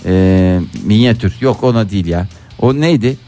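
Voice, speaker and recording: A man's voice: fairly low pitch, moderate pace, dark tone, faint music behind. A man co-hosting casual morning radio banter, playfully exasperated and mock-indignant. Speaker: radio show co-host.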